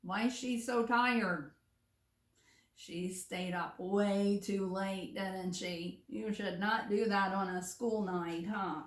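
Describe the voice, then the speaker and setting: A woman teacher reading a picture book aloud to young children, animated, with hushed asides to her listeners. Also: medium pitch, slow. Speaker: first grade teacher. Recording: roomy room, distant mic.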